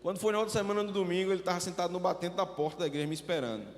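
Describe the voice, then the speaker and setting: A man's voice: high-pitched, rapid-fire. A male pastor tells a funny story in a sermon and acts out the voices of church members. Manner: humorous, acts out voices in anecdotes. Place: church sanctuary. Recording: long hall reverb, faint noise.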